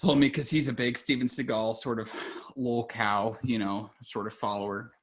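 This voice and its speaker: A man's voice: mid-range voice, steady tone, normal speed. A young man hosting a casual film podcast, rambling, restarting his sentences and often laughing as he talks. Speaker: podcast host.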